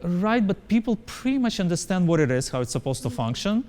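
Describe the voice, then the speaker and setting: With slight background noise behind him, a man with a high-pitched, darkish voice talks briskly with big pitch swings. He's a company founder whose first language isn't English, giving emphatic interview answers, repeating his points and asking "right?".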